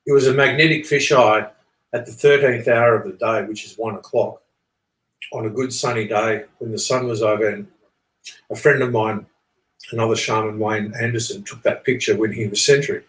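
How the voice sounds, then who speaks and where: A man's voice: lowish voice, steady tone, normal speed, fairly bright tone. A man being interviewed, explaining his ideas in a rambling, earnest, conversational way, often repeating points and checking he is followed. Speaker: interview guest. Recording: echoey, roomy sound.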